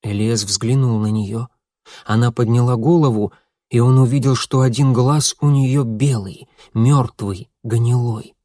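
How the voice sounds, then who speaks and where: A man narrating an audiobook in a steady, measured way. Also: medium pitch, dry recording, clean studio sound.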